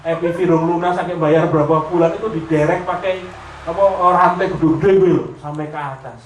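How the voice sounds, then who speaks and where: In an echoey lecture hall, heard from a distance, a preacher with a Javanese accent delivers a jokey sermon while the audience laughs. His voice is a little high and brisk, he slips into Javanese and acts out voices in his stories, and there's slight background noise.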